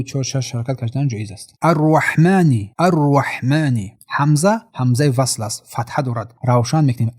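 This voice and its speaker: A man with a Tajik accent teaching Quran recitation, stretching each recited word slowly and then explaining it quickly. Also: mid-range voice, dark tone. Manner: drawn-out recited words between quick explanations. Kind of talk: tajweed lesson, slow recitation with explanations.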